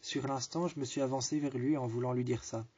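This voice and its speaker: A man tells a first-person story in a dark, husky, flat voice. He restates each line in slow, repetitive phrasing. The recording is dull and lo-fi. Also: medium pitch.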